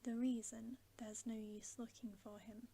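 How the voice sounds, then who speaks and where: A woman's voice: fairly high pitch, flat delivery, a little slow, warm tone, slightly rough. A woman voicing an earnest, cautious male talking beaver in an emphatic whisper for a storybook. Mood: urgent, stern.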